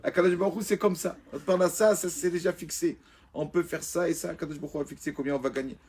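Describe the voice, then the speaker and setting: A man, a rabbi, telling a story in a sermon in an animated, emphatic way, moving from soft to loud. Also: on the high side, quick pace, husky.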